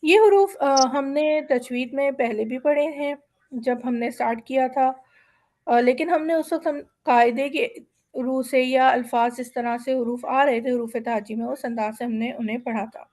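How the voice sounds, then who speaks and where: A woman teaching Quran recitation in a class, patiently explaining letter sounds and slowly sounding out example words. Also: sits high, darkish tone.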